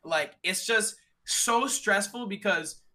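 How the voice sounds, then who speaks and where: A young man tells a story in a relaxed conversation, with a bright, slightly sharp tone. He talks in a slangy, animated way and slips into the voices of other people as he recounts what happened. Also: high voice, takes it slowly. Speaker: streamer guest.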